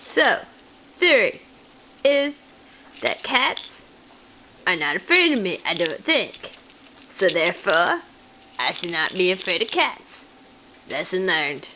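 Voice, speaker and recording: A woman voicing a timid, childlike male puppet who is wary of cats, speaking slowly and simply to the children in a puppet show. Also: lowish voice, big pitch swings, pushed and bright, slight background noise, exaggerated voice, poor audio. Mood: chatty. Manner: talks straight to the children, slow and simple.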